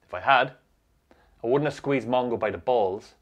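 A man's voice: medium pitch, normal speed, a bit bright. An Irish man giving a wry, profane voice-over narration for a short film.

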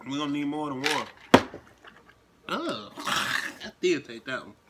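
Man co-host, rowdy joking banter, pitch jumps all over, noisy phone recording at home. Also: sing-song, a little slow. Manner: loud, joking, profane banter with frequent laughs. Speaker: vlogger's husband, co-host. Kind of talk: casual challenge video chat.

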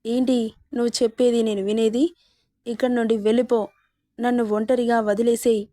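Give me a bitter, angry young woman in a story, voiced by a woman narrator, with a fairly high, mellow voice. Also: level tone, moderate pace, no room sound, studio quality, close to an everyday voice. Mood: furious. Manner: shouting accusations, scornful.

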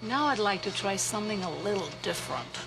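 A performer playing a smug, squeamish psychiatrist with slow, soothing hypnotist patter. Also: medium pitch, expressive, lightly acted, low-quality recording. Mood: soothing clinical. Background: music underneath.

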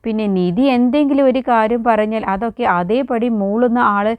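A woman's smooth, resonant voice, recorded close and dry with no room sound. She casually retells a TV serial episode and quotes each character's lines directly. She keeps ending her sentences with a friendly, chatty tag. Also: fairly high pitch, moderate pace, no echo, narrow, tinny audio. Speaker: serial recap narrator.

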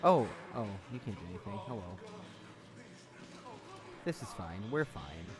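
A man giving casual gameplay commentary, swearing a lot, talking to the game's characters and yelling when startled. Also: lowish voice, sing-song, normal speed, music in the background. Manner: jumpy, yells when startled. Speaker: let's play host.

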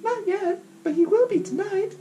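A man voicing a cheerful young girl in a game, in a high, chirpy falsetto. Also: normal speed, dark tone, lo-fi sound. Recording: guitar music playing behind.

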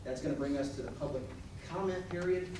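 Recorded from a far audience camera, the distant audio of this indoor village board meeting room is very echoey and noisy. The American board president speaks fast in a voice on the high side, conducting the formal meeting in a procedural, matter-of-fact way.

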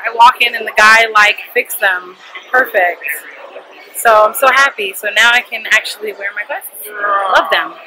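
A woman's voice: medium pitch, noisy background. A young woman filming a casual vlog with a handheld camera at arm's length in an indoor shopping mall playground, bubbly and gushing over cute things. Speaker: vlogger. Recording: loud mall ambience behind.

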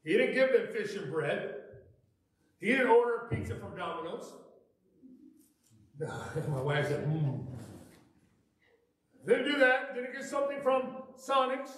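High-voiced shouting preacher in an echoey church. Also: male voice, animated, slow, pauses often, recorded from a distance. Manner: preaching with rising shouts and playful asides. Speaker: pastor. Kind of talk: revival sermon. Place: church sanctuary, preaching from a pulpit. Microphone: far camera at the back of the sanctuary.

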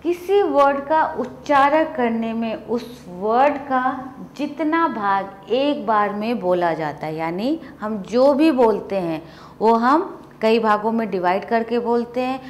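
A woman's voice: a little high, animated, slow pace. A woman teaching English grammar in a classroom-style lesson, asking rhetorical questions and answering them herself.

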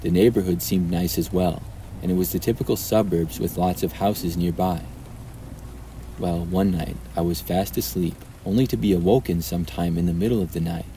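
A man narrating true horror stories in a calm, even storytelling manner. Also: sits low, moderate pace, slight background noise, poor audio.

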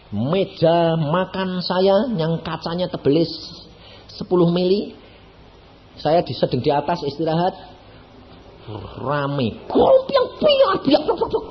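Elderly Javanese-accented evangelist, slightly high voice, playful rhetorical sermon style, lo-fi tape. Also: male voice, slight background noise. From Central Java, Indonesia. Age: 80s. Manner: keeps asking the congregation rhetorical questions; colloquial and playful, with sudden swings between loud and hushed. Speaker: evangelist preacher.

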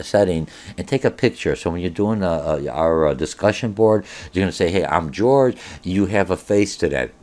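A middle-aged college business instructor, born in Germany with Polish as his first language, gives an informal online course orientation full of filler sounds. His voice is low and darkish.

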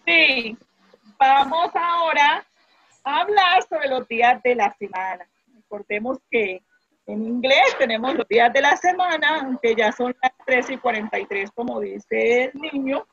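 A woman's voice: high voice, expressive, a little slow, a bit bright, slight background noise. A woman with a Colombian accent, a primary school teacher running an online class, chatty and fond of diminutives. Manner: chatty, uses diminutives, restarts often. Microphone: video call. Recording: dull, dry video-call audio.

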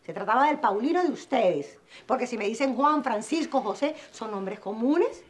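A woman's voice: a little high, animated, normal speed, natural voice. A woman playing a blunt Venezuelan godmother. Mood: insistent. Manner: insistent, blunt, gossipy. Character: blunt gossiping godmother who insists on truth. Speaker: godmother Celeste. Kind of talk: telenovela acting.

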